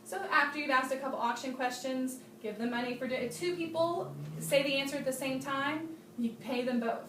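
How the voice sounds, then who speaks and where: A woman's voice: high voice, fairly quick, background noise. Woman, bubbly chatty trainer, roomy room sound, distant mic. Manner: bubbly, chatty, laughs often. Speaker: Tupperware consultant trainer. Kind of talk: training demonstration to a small group. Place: room with guests at a party demo.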